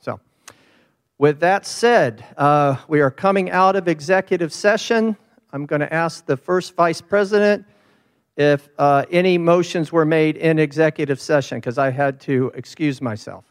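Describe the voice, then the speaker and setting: A man's voice: fairly high pitch, normal speed, clear, resonant tone. A man chairing a meeting informally, his voice slightly muffled by a mask over his mouth, talking into a close handheld microphone. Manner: speaking through a mask, mouth covered. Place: conference meeting room with sound system. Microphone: handheld microphone held close to mouth.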